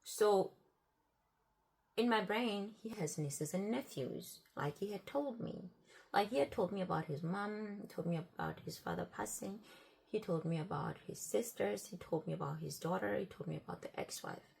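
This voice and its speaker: A woman's voice: mid-range voice, moderate pace, vocal fry, a little mellow, slight background noise. A woman telling a personal story in a casual, chatty way, often replaying conversations with "I'm like" and "he's like.". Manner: repeats and restarts phrases as she talks.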